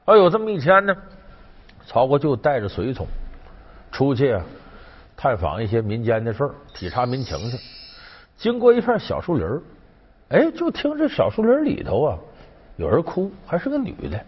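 A man's voice: medium pitch, wildly swooping pitch, moderate pace, pauses often, husky. A man telling a folk legend in a chatty, colloquial storytelling style with folksy asides. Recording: dull lo-fi sound.

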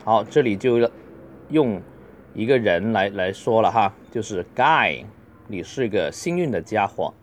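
A man's voice: fairly low pitch, lively intonation, a little hiss or hum. A man teaching a beginner English class, reading phrases aloud and explaining them in Mandarin with influence. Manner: reads drills slowly, then explains.

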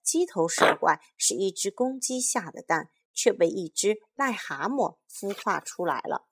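A woman's voice: medium pitch, animated, slightly rough. Woman playing a proud knight. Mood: solemn. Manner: slow, solemn, boastful. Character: proud male knight of the Round Table.

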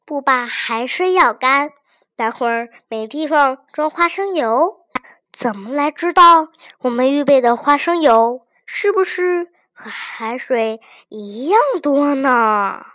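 A clever young wife answers softly and evenly, never rattled, voiced by a woman storyteller. Her voice is light and high, the pace slow and measured. It belongs in a folk tale read aloud. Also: lively intonation, no echo, clean studio sound, exaggerated voice. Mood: sly. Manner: gentle, quick-witted, soft-spoken. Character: clever calm young daughter-in-law.

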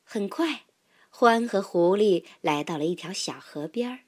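A woman narrating a children's story in an expressive storytelling manner. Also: medium pitch, measured pace.

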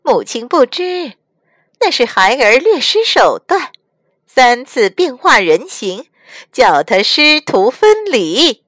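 A woman voicing a sly female bone demon who gloats loudly. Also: sits high, sing-song, slow, dry recording, studio quality, voice pushed up, exaggerated voice. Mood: gloating.

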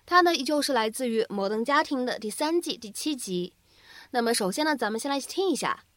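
A woman with a fairly high voice leads a scripted English lesson, explaining each point carefully in a steady teacher's cadence. She slows right down to model English phrases word by word. The sound is close and dry, with no room echo. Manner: clear, measured explanations with filler particles; slow, deliberate model readings of English phrases.

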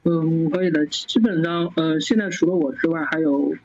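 The guest, a fan site founder on an interview podcast, speaks in a somewhat high, slightly mellow voice with fairly even intonation. His casual talk is halting and full of stammered restarts, captured in dull lo-fi sound.

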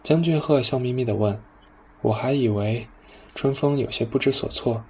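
A man narrating a novel as an audiobook, calm and even. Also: medium pitch, brisk, slight background noise.

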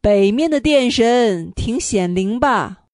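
Earnest young boy shaman from a children's audiobook, voiced by a woman narrator; mellow, level tone, bellows his summonings. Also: medium pitch, animated, a little slow, husky, no room sound. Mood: calling out. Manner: earnest, calls out loudly when summoning. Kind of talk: storybook reading.

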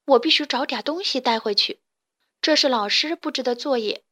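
A chirpy young alien chick, a little boy from the stars who explains things with eager pride, as a woman reading a storybook puts him on. The voice sits fairly high and bright in the story's cheerful tone. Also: moderate pace. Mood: lively. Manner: chirpy, eager and a bit proud. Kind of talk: storybook character voice.

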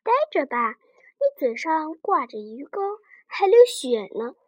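A woman's voice: high voice, sing-song, unhurried, dull audio. A woman voicing an older brother fish in a children's story, talking to his sibling in a bossy, matter-of-fact way. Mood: scolding.

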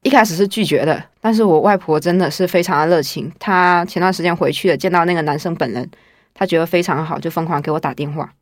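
A woman's voice: fairly low pitch, fast, dry recording, clean studio sound. A woman in her twenties casually telling her own story in the first person, chatty and wry. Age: 20s. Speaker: guest storyteller.

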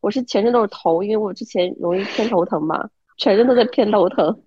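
Hoarse, stuffy-nosed woman on a call. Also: medium pitch, quick pace, mellow, no room sound. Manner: wry, self-mocking account. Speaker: podcast team member. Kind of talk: casual chat. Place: home, lying in bed. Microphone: online call app from home. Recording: muffled lo-fi online call.

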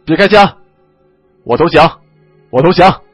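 A man voicing a gruff, sly male soldier who turns traitor, speaking low and curt. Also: fairly even intonation, brisk, no room sound, faint music behind. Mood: panicked shouting.

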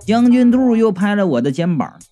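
A man telling a comic story, high-pitched and wildly expressive, tossing in exclamations. Faint music plays behind his voice. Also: normal speed. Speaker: narrator. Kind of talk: humorous storytelling audiobook.

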